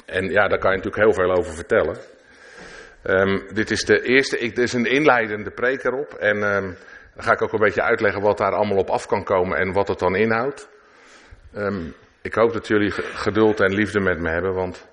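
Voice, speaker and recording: A man's voice: fairly low pitch, a bit bright. A man preaching a sermon at a church service, reading scripture and adding conversational asides and questions to his listeners.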